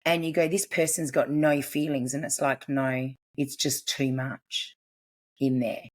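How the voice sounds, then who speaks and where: A woman with a bass voice and steady tone appears as a podcast guest who practices family constellations. In casual chat, she earnestly explains her ideas in quick bursts.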